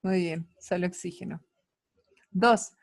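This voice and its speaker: A woman with a Chilean Spanish accent teaches an online science class, checking in often with quick tags and praising students' answers in an upbeat way. Her voice is fairly low, steady, and creaky.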